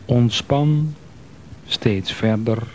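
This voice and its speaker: Slow, calm man guiding relaxation. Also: medium pitch, slight background noise. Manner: slow, calm, soothing instructions. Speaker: relaxation guide. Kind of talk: guided progressive muscle relaxation.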